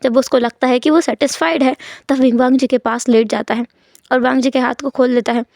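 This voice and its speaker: A woman's voice: high-pitched, fairly even intonation, a little fast, creaky, a little mellow, dry recording, studio quality. A woman retelling a fanfiction story in a plain, chatty way. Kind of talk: casual fanfiction narration.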